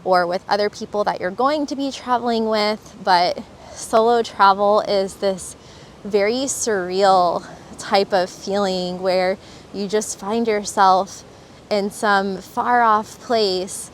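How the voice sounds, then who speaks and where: A woman from Florida shares her thoughts on travel in a casual, reflective vlog, earnest and enthusiastic in a mid-pitched voice. She is recorded outdoors, with a faint wash of ambient noise under her voice. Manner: earnest and enthusiastic, with some fillers. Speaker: travel vlogger.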